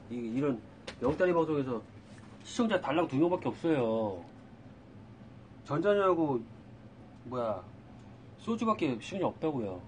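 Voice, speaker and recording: A man's voice: mid-range voice, a little hiss or hum. A young man live streaming, talking casually to his chat, exasperated and scolding, with some swearing.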